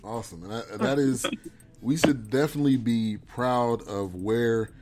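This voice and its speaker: A man hosts a casual sports and talk show with an average-pitched voice. He talks in a friendly, loose way, restarting phrases and repeating words. Faint music plays underneath. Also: normal speed, a little mellow. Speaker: show host. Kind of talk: casual interview hosting.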